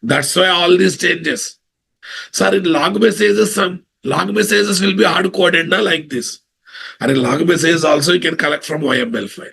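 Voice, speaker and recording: Gravelly Indian man with Telugu accent, teaching. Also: on the high side, moderate pace, a bit bright. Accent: Telugu Indian English. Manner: repeats phrases, checks understanding with questions. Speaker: software instructor. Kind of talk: live online class, informal teaching.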